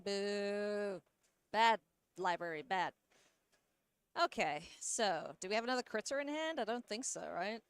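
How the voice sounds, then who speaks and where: A woman giving live play-by-play commentary on a card game, playful and quick to laugh. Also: medium pitch, lively intonation, clean tone, dry recording.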